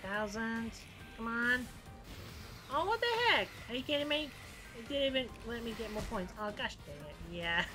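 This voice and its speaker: A woman hosting a let's play, giving excitable gameplay commentary with frustrated outbursts and laughter. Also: medium pitch. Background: faint game music.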